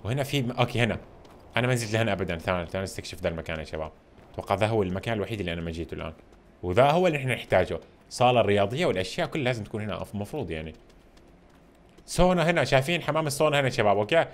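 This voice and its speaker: A man giving casual, excitable commentary while playing a video game, talking to his viewers all the time. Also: lowish voice, racing. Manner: excitable, chatty, addresses viewers constantly.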